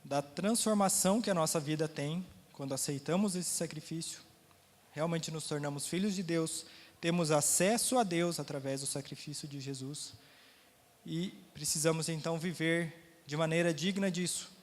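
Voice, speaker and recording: A man's voice: on the high side, moderate pace, long reverb tail. A man with a Brazilian Portuguese accent teaching a Sunday school Bible lesson, talking casually, quizzing the class, his throat a little sore.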